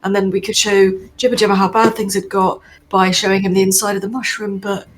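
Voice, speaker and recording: A woman's voice: medium pitch, flat delivery, a little fast, close to an everyday voice. A woman voicing a nervous, hesitant female adventurer in a tabletop game, with a wheezy smoker's edge. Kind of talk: tabletop role-play.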